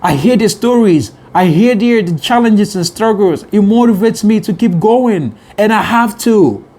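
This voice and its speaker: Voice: medium pitch, animated, a little slow, dark tone. An earnest motivational vlogger speaking straight to viewers in a mid-range voice. They stumble into repeated words and restart phrases while pressing their point about perseverance.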